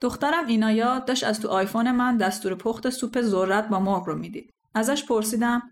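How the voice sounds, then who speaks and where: A woman reading a first-person story aloud in a calm, reflective manner. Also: on the high side, faint music behind. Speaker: story narrator. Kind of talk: scripted first-person narration.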